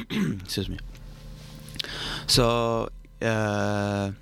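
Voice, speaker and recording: A man with a lowish, gravelly, fairly bright voice draws out his words as he answers conversationally. A native Arabic speaker from an Arabic-speaking country, he has an Arabic accent and is a student guest in a studio interview, telling stories in non-native English.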